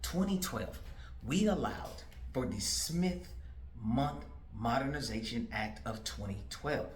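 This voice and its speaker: Slow and lively in intonation, a mid-range male voice belongs to a political candidate in his forties addressing the camera directly. He's emphatic, repeats himself, and leans on rhetorical questions, with slight background noise and a roomy echo.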